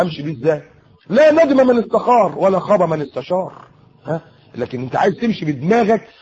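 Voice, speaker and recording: A man's voice: high voice, a little mellow, breathy edge, lo-fi sound. A man with an Egyptian accent giving an earnest religious talk to teenagers, warning and repeating himself. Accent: Egyptian Arabic. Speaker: preacher.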